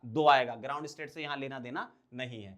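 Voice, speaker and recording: A man teaching exam-prep chemistry, quickly asking questions and answering them himself. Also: medium pitch, fairly bright tone. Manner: quick, drilling, asks and answers his own questions. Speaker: chemistry tutor.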